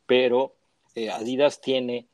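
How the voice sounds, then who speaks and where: A man's voice: mid-range voice, flat delivery, slow pace, a little mellow, no echo. A man giving his opinions on football in casual panel talk. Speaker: sports panelist. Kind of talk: casual sports chat.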